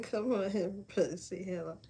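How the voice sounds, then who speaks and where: A woman's voice: mid-range voice, moderate pace, mellow. A young woman from Cameroon chatting casually with viewers on a live stream. She is easygoing and laughs often. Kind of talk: casual livestream chat to viewers.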